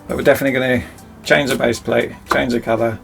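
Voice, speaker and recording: A man's voice: medium pitch, little pitch movement, fast talker, vocal fry, a bit bright, soft background music. A man chatting casually and self-mockingly as he rambles through a DIY project in his cramped home workshop. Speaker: DIY video host.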